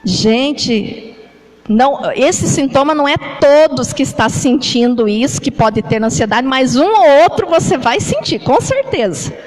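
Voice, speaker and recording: A Brazilian woman gives a sermon in a high voice, taking her time over each phrase. She talks in a chatty way, keeps asking the listeners whether they follow, and acts things out with gestures as she goes. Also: lively intonation, a little slow, darkish tone, poor audio. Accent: Brazilian Portuguese. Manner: conversational, frequent tag questions to the congregation; demonstrates with gestures while talking. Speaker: preacher. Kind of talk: church sermon on anxiety.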